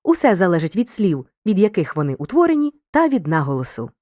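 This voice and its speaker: A woman narrating a scripted video lesson in a mellow, slightly low voice. Her pitch rises and falls widely as she sets out each example clearly and deliberately. The recording is a dry, close studio voice-over. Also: very animated, dry recording. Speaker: teacher.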